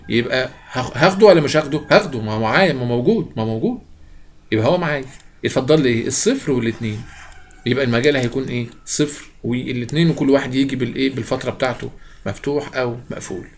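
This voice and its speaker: Fast-talking Egyptian math teacher. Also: male voice, mid-range voice, expressive, slight background noise. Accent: Egyptian Arabic. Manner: rapid, playful, asks and answers his own questions. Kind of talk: recorded math lesson.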